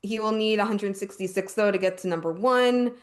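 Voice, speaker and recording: A woman hosting a casual sports podcast, reading out stats, stopping to correct herself and laughing along. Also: mid-range voice. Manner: reads numbers haltingly, self-corrects, laughs often.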